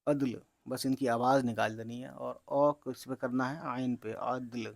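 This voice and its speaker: Gravelly-voiced man teaching reading. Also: medium pitch, level tone, no room sound. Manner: slow, patient, addresses viewers as guys and friends. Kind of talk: spelling out words letter by letter.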